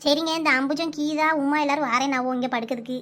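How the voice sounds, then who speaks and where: Fast, bright, high woman's cartoon voice. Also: fairly even intonation. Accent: Kanyakumari Tamil. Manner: brisk, bossy village chatter. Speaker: cartoon voice artist. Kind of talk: cartoon voice acting.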